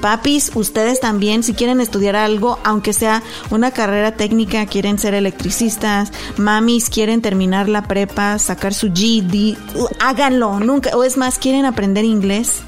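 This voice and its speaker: A woman hosting a podcast in casual chat, emotional and quick to laugh, mixing English into her Mexican-American Spanish. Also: mid-range voice, fairly even intonation, faint music behind. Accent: Mexican-American Spanish with English mixed in. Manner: warm, emotional, laughs often. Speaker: podcast host.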